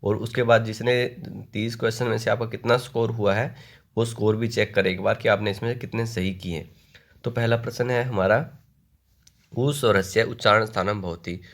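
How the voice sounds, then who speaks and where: A man teaching an online exam-prep lesson, reading out questions and reciting word forms in slow rhythmic lists. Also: lowish voice, steady tone. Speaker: Sanskrit exam tutor.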